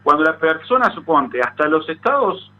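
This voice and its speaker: A man with an Argentine accent, a psychologist guest giving thoughtful explanations in an interview, often pausing on "este". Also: a little high, very animated. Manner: thoughtful, frequent "este" fillers. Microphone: phone call. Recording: tinny phone line with faint noise.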